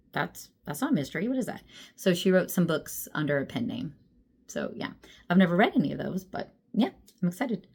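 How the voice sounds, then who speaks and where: A young adult woman chatting casually about books, laughing often and poking fun at herself. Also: lowish voice. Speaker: book vlogger. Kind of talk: casual chat.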